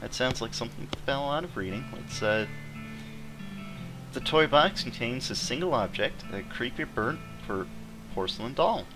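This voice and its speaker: A man streams a video game with casual, offhand commentary. He reads game text aloud and drops in playful asides. Guitar music is clearly heard behind him. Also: medium pitch, lively intonation, moderate pace, low-quality recording.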